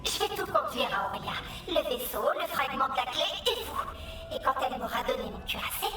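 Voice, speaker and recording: A woman's voice: sits high, animated, fairly quick. A woman playing an unhinged, gleefully murderous rogue military AI villain in a video game. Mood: manic gloating. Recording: echoing, distant game audio under music.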